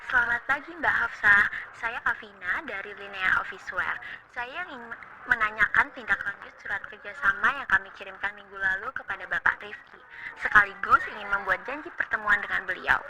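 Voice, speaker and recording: A woman's voice: mid-range voice, a little fast, a crowd in the background, lightly acted, poor audio. A young woman playing a polite, formal company representative on a business call. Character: polite female company representative calling for an appointment. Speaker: business caller. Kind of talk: role-played business phone call.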